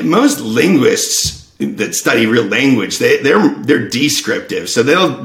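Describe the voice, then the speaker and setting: A man explaining things at length in casual conversation, thoughtful and unhurried in his reasoning. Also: fairly low pitch, bright, forceful tone. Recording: echoey room.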